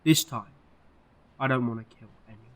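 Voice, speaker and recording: A man's voice: medium pitch, moderate pace, a bit bright, close to an everyday voice. A man playing an eccentric, protective time-travelling hero in an amateur audio drama, earnest and theatrical in delivery. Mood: earnest resolve.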